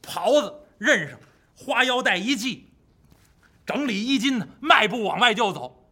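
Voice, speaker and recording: A male storyteller narrates in a vivid, traditional style and punctuates the action with spoken sound effects. His voice is high and very animated, with a bright, slightly husky tone. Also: unhurried.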